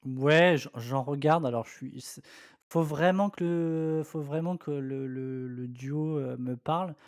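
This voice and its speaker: A man co-hosting a podcast in casual chat, joking and halting as he talks, sometimes trailing off. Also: on the high side, darkish tone, no echo, studio quality. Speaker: podcast co-host. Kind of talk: casual chat among friends. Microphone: online call setup.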